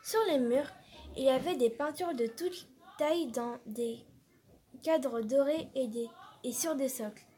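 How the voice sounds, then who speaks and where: A woman reading a children's storybook aloud with expressive narration. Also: high voice, a little slow.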